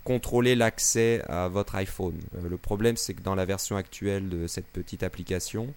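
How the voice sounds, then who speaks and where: A man co-hosting a casual technical discussion, with a hoarse, broken voice that cracks, explaining things haltingly. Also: sits low. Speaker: podcast co-host.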